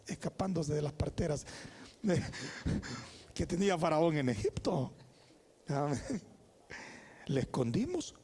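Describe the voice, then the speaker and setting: A man's voice: a little high, mellow, slightly rough. A man in his forties with a Salvadoran accent, preaching as a guest pastor, telling personal stories in an emphatic, conversational way and calling out "amén" to the congregation. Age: 40s. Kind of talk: sermon with personal storytelling. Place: church.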